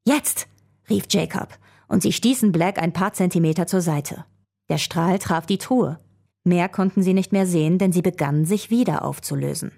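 A woman reading a children's adventure story aloud, telling it in a calm, even way. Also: fairly low pitch, moderate pace.

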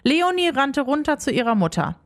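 A woman's voice: high voice, normal speed. Woman reading a children's story aloud. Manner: expressive, lively. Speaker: narrator.

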